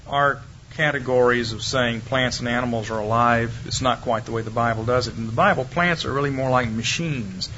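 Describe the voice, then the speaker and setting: Bright-voiced man lecturing, lo-fi archive tape. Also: mid-range voice, brisk, hardly any pauses. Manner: emphatic, demonstrative, varies loudness and pace to make points. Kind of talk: Bible lecture to a live audience. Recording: dull lo-fi archive recording with faint hiss.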